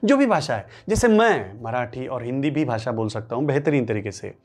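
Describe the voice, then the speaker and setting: A man's voice: mid-range voice, normal speed. A man whose first language is Marathi, giving a workshop lecture full of rhetorical questions and repetition. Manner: rhetorical questions and repetition, animated rising and falling delivery. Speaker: language teacher.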